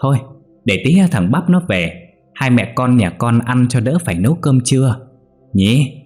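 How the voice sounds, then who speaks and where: A man voicing a crafty young daughter-in-law who needles her mother-in-law in a sly, brisk voice. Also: mid-range voice, lively intonation, darkish tone, faint music behind, pitched above the performer's own voice, natural voice. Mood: sly needling.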